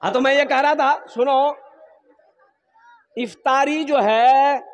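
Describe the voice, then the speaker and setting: High-pitched guy preaching, playful, echoey far-off hall sound. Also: steady tone, slow. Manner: preachy, teasing the audience. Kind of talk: humorous sermon.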